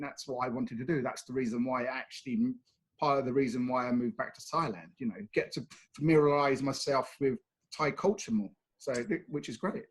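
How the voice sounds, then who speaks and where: A man's voice: mid-range voice, poor audio. A British man from the UK answering interview questions in a casual, chatty way, often dropping in "you know". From United Kingdom. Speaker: brand ambassador interviewed.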